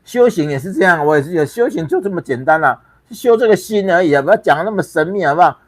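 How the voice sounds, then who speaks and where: A man's voice: sits high, expressive, quick pace, no echo. A man with a Taiwanese Mandarin accent hosting a livestream, blunt and scornful, swearing freely and repeating himself in emphatic bursts. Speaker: livestream host. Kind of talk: ranting livestream commentary.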